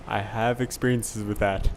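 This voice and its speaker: A man's voice: lowish voice, steady tone, slow, slight background noise. A young man hosting a game session, rambling easily through stories about his in-game mishaps and laughing along. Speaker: channel host and player. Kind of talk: casual gameplay chat.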